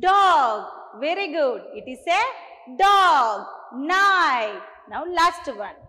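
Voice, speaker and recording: A woman teacher with a Tamil accent giving a bilingual lesson to young children, slow and coaxing, repeating each line in two languages. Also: high-pitched, very animated, sharp tone, long reverb tail.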